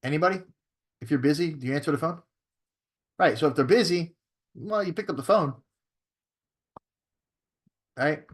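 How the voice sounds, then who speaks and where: A man's voice: fairly high pitch, normal speed, pauses often, slightly rough. A man teaching a real estate training class, talking casually and often checking in with his listeners. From Florida. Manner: conversational, repeats "okay?" and "right?" to check in; acts out phone scripts in a shifted tone.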